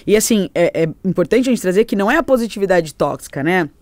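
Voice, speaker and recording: A young Brazilian woman, a guest on a talk show, chatting playfully and animatedly and slipping into quick impressions. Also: medium pitch, expressive, darkish tone, no room sound. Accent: Brazilian Portuguese. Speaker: guest, good-humor specialist. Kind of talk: casual chat.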